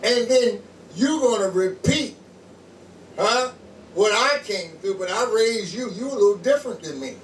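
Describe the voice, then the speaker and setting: A man, a pastor, preaching a sermon in short slow phrases, pausing so an interpreter can translate. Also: high voice, expressive. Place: small home church. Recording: echoey room from far off, loud room noise.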